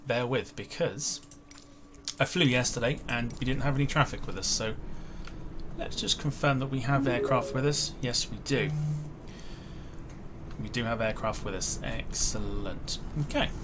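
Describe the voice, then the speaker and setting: Hosting a flight sim livestream, a man chats casually and informally with his viewers, greeting them by name. His mid-range voice is a little slow, and the stream carries clear background noise.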